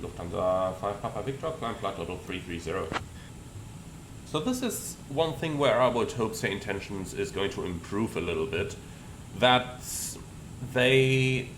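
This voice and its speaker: A man presenting a flight simulator as a pilot, explaining procedures and reading back radio calls. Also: medium pitch. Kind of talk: explanatory commentary with radio readbacks. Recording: roomy sound with steady cockpit noise.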